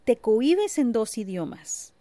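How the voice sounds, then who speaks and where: A woman, co-hosting a casual podcast chat and telling stories in a reflective, measured way. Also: fairly high pitch, very animated, dark tone, dry recording. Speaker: podcast co-host. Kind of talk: casual conversation.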